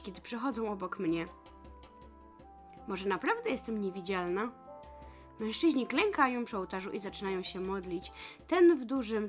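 A young woman reading a visual novel aloud as narration, breaking off into excitable, gushing reactions with laughing asides. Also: mid-range voice. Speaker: let's play streamer.

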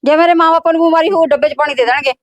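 A woman plays a stubborn village sister-in-law from Punjab in a homemade short film, with a very high voice that fires off scolding retorts at a rapid clip. She is quarrelsome and never gives ground. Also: fairly even intonation, dull audio. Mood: sullen.

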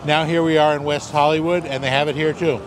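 A man hosting a food vlog, calmly explaining each dish step by step in casual commentary, on a busy street. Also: a little high, fast talker. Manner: easygoing, explains dishes step by step. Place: outdoors on a busy city street. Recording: busy crowd noise outdoors. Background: crowd chatter and passing traffic.

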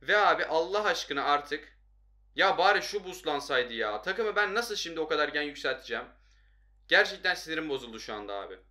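Bright, excitable young man gaming. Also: on the high side, fairly quick. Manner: excitable, frustrated outbursts at the game. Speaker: gaming YouTuber. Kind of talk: casual gameplay commentary.

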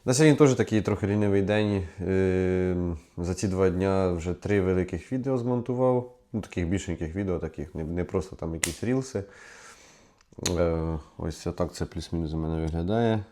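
Deep-voiced man vlogging a mic test. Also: moderate pace, warm tone. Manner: rambling, thinking aloud, repeated test counts. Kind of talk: casual solo vlog, testing a microphone. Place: at home, later in a kitchen. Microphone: clip-on microphone under test.

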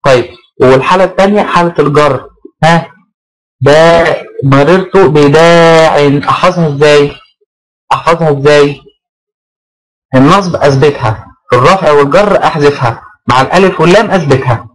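A man with an Egyptian Arabic accent teaches a grammar lesson at a brisk clip, his voice sitting a little high. He repeats key phrases and throws rhetorical check-in questions at the class. He also voices his pupils' questions before answering them himself. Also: a bit bright, low-quality recording. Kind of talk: online class lecture.

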